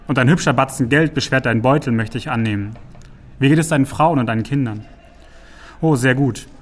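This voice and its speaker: A man's voice: medium pitch, lightly acted. A man voicing a jovial, vain middle-aged male envoy who teases his friend in a worldly way. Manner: teasing, worldly, talkative. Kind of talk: audiobook character voice.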